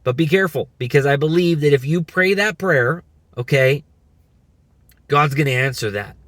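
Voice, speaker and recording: A man in his thirties giving an earnest, halting faith testimony, often restarting his sentences and encouraging listeners to pray. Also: fairly high pitch, animated, fairly bright tone, no echo, clean studio sound. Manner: earnest, repetitive, many restarts. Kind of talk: personal testimony and exhortation.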